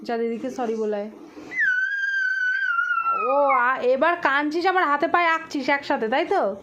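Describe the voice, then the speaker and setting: High-voiced mother scolding her child. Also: unhurried, lo-fi sound, very noisy. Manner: firm, coaxing and repetitive, with mild threats. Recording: loud music over the voice.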